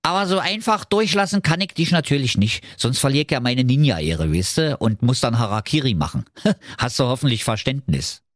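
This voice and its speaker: A man's voice: mid-range voice, animated, brisk, dry recording, clean studio sound, voice pushed up, natural voice. A man voicing a hot-tempered ninja with a strong Berlin accent, brash and insulting. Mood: boastful.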